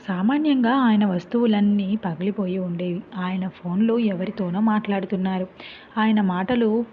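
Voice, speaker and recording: Woman narrating a tale, phone-tinny. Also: medium pitch. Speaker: storyteller. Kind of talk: first-person story narration. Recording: tinny phone-like sound, faint hiss.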